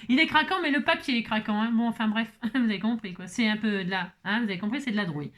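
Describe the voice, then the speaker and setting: A middle-aged woman talks fast at medium pitch as she casually works through a crafting tutorial. She rambles, stammers and restarts often, adding self-mocking remarks.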